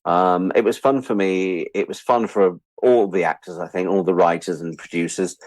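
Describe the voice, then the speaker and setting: A middle-aged British audio drama producer and director, appearing as an interview guest, tells anecdotes casually in an animated, joking, self-deprecating way, acting out remembered exchanges. His voice is deep, at a moderate pace, with no room sound.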